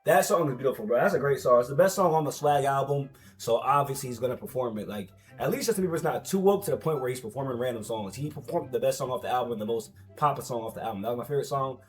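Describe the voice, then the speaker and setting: Fast-talking young American man, slangy. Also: medium pitch, faint music behind. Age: young adult. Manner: animated, repetitive, argumentative. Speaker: commentator reacting to social media posts. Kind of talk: casual reaction commentary, slangy.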